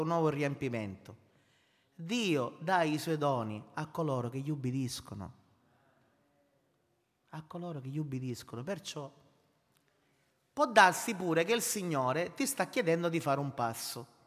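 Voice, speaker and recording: A man's voice: a little high, a bit bright, big-room sound. A man preaching a sermon, emphatic and repetitive, calling his listeners brothers. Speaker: pastor.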